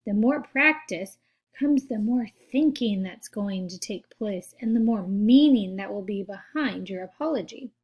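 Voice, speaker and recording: A woman giving a gentle, patient social skills lesson to children, speaking straight to them. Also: mid-range voice, lively intonation, measured pace, breathy edge. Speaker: teacher for children.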